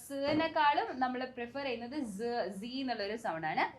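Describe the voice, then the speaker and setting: A young woman from Kerala hosting a bilingual language lesson, teaching English pronunciation and repeating words slowly and carefully to model them. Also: high-pitched, animated.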